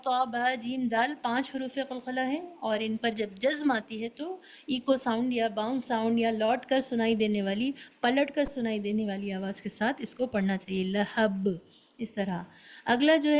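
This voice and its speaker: A woman's voice: fairly high pitch, darkish tone, rough recording. A woman teaching a beginners' tajweed class, patiently explaining letter sounds and mixing in English terms. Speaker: Quran recitation teacher.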